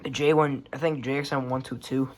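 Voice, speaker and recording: Brisk and flat in delivery, a man with a medium, slightly mellow voice walks through his radio collection in a rambling, sweary show-and-tell. He records on a phone held in his hand, and there is slight background noise.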